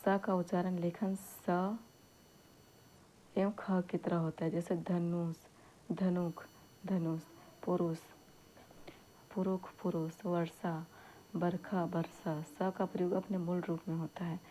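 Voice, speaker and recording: A woman teaching an exam-prep grammar lesson, saying each example word slowly and then repeating it. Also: fairly low pitch, level tone, warm tone, a little hiss or hum, rough recording.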